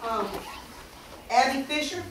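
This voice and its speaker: A woman's voice: high-pitched, lively intonation, measured pace. A middle-aged woman, reading names and thanking students at a school board meeting, recorded from a far camera in a large room. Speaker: school board member presenting awards. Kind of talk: public meeting recognition remarks. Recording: echoey room from far off, noisy.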